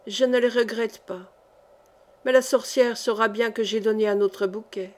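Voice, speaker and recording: A woman's voice: on the high side, little pitch movement, moderate pace, a little mellow, lightly acted. A woman reading the part of a timid, pious young girl with a childlike, innocent manner in an audiobook. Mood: anxious.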